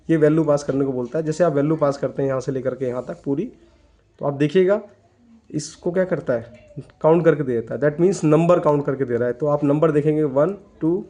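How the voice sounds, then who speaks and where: A man's voice: a little high, dark tone. Man explaining a spreadsheet tutorial. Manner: explains step by step, mixing English terms into Hindi, often says "ठीक है". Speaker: computer tutor. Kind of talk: screen-recorded software tutorial.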